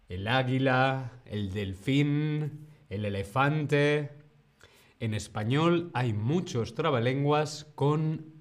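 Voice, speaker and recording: A man teaching Spanish on a live stream, speaking slowly and over-articulating each word for learners. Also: medium pitch. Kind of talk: live online language lesson.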